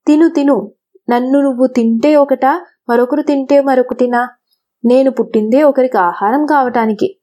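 A crafty male ram in a storybook, voiced by a woman, faking humble eagerness. The voice is pitched well up yet stays warm and soft. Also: moderate pace, close to an everyday voice. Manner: meek and eager-sounding. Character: humble ram, cunning, falsely meek.

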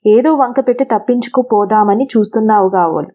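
A starving, gullible storybook wolf, as a woman reading aloud puts it on, greedy in its threats and self-pitying in defeat. The voice sits a little high but stays mellow and soft-edged. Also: brisk, close to an everyday voice.

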